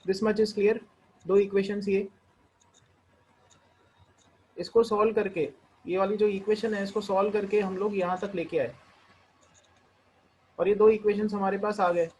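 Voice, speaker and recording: A man with an Indian accent teaching a math lesson, working through the steps one at a time and slowing down to read each equation aloud. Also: sits high, little pitch movement, a little mellow, breathy edge, rough recording. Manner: explains step by step, mixing Hindi and English; slows down when reading out equations. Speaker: math tutor.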